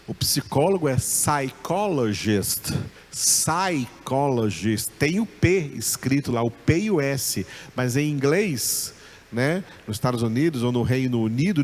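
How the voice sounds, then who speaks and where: A man with a Brazilian Portuguese accent teaching a recorded Bible school lesson, speaking slowly and patiently, repeating each sound several times. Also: on the high side, a little mellow. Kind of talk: recorded lecture.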